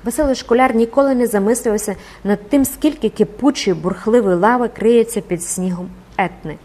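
A woman narrating a classic novel as an audiobook in a measured, expressive reading voice. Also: on the high side.

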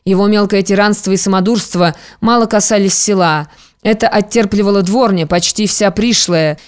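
An audiobook narrator reading a classic novel in an even, measured storytelling manner. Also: medium pitch, smooth.

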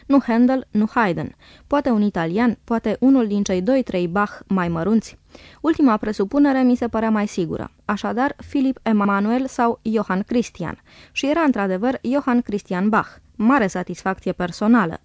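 A woman narrating a diary in a calm, measured reading voice. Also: mid-range voice, no echo. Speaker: audiobook reader.

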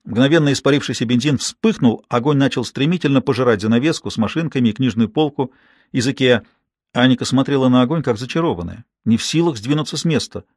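A man in his sixties reading a tense novel aloud at a steady pace, slowing on dramatic details. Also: mid-range voice, no echo, clean studio sound. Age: 60s. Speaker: audiobook narrator. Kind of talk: scripted narration.

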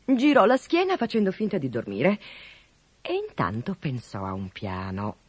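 Animated storybook narrator. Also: mid-range voice, normal speed, slightly rough, no room sound. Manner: expressive, animated reading.

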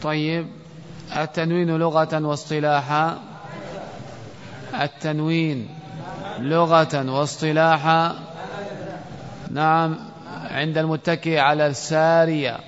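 A man's voice: fairly high pitch, level tone, measured pace, pauses often. A man teaching a classroom grammar lesson, quizzing students and calling on them by name. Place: classroom or mosque hall. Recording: lo-fi recording with long hall reverb.

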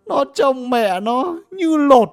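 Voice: high voice, very animated, takes it slowly, pitched above the performer's own voice, exaggerated voice. A reader voicing a bitter, cursing old villager. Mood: grieving. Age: older. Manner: ranting, grieving, coarse cursing. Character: bitter old village man, former cadre. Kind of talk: audiobook character voice.

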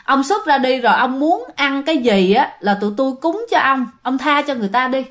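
A woman's voice: sits high, expressive, a little fast, fairly bright tone. A woman voicing a scared young woman begging a spirit to leave her friend alone. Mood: pleading. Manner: pleading, anxious.

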